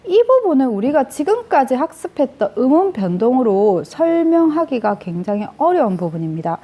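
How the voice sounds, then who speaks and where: A woman teacher talks through grammar rules one step at a time in a lecture. She often asks a question and answers it herself. Her voice sits a little high but sounds soft and mellow. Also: big pitch swings, normal speed.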